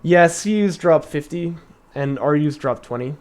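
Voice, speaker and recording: On a live stream, a young man with a somewhat high, slightly mellow voice chats through a strategy session, thinking aloud with plenty of "like" and "um" and frequent laughter. He's expressive and unhurried, and long talking has left his voice a little raspy.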